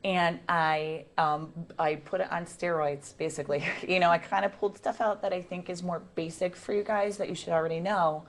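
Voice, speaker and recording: A woman giving a classroom lecture in a chatty, relaxed way, asking the students questions as she goes. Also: fairly low pitch, moderate pace, few pauses.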